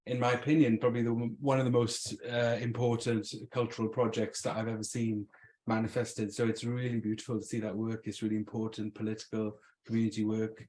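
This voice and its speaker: A man's voice: lowish voice, monotone, a little fast, darkish tone. A man from Swansea with a Welsh Swansea accent gives an informal public talk as an invited arts speaker, conversational and thinking aloud. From Swansea, South Wales.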